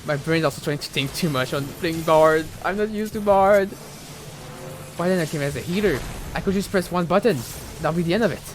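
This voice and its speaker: Streaming a game, a young native French speaker with a French accent rambles through casual live commentary, full of fillers and restarts. He talks briskly in a voice on the high side, with faint music playing behind him.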